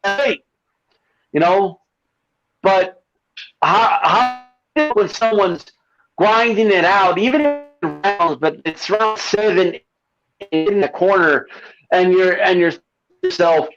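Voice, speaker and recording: A man's voice: high voice, music in the background. Man over a muffled CB-radio-like line. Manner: halting, repeats his words and restarts. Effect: sounds like talking over a CB radio. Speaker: caller on a boxing talk show. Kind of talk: casual boxing chat.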